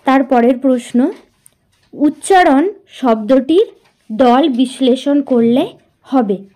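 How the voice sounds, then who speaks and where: A woman's voice: high-pitched, lively intonation, warm tone. A woman teaching a grammar lesson to school students, patiently asking questions and answering them herself, and drawing out words as she writes. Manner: slow, patient, asks and answers her own questions.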